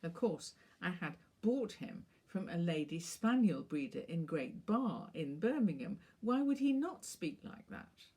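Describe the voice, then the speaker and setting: A woman author reading her own short story aloud in a measured, wry manner. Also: fairly low pitch, very animated, mellow, husky.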